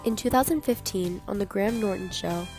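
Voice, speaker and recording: A young woman, a student, giving an even, explanatory narration for a class project. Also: medium pitch, a little fast, soft background music. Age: young adult. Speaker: student presenter. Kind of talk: scripted class presentation narration.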